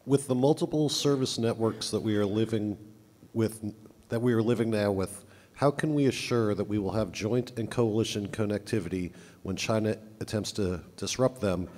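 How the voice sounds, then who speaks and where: A man with a low-pitched voice puts a prepared question to the speaker in measured, formal wording. His voice carries a long conference-hall reverb. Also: darkish tone. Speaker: audience questioner.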